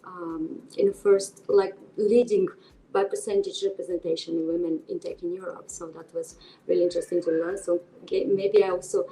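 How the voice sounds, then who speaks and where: A woman's voice: lowish voice, steady tone, moderate pace, mellow, low-quality recording. A woman from Bulgaria being interviewed over a video call, speaking earnestly with frequent hesitations and restarts. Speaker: interview guest, board member.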